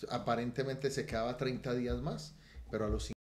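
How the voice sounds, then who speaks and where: A man's voice: medium pitch, steady tone, brisk. Middle-aged man, pastor, earnest emotional testimony; mid-range voice, roomy echo, faint background noise. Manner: earnest, swells loud and emotional in retelling. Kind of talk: testimony on a podcast. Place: podcast studio room.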